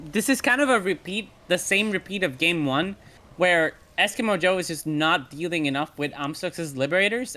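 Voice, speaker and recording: A man with a bright, forceful, slightly high voice casts a live esports match. He gives brisk play-by-play calls and chuckles between them. His commentary stays quick and lively. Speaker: esports caster.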